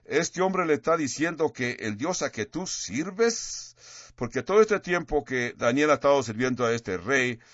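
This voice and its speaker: A man's voice: medium pitch, expressive, no echo. Emphatic male preacher, dull lo-fi sound. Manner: emphatic, stretches key words slowly. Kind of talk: sermon with dramatic scripture reading.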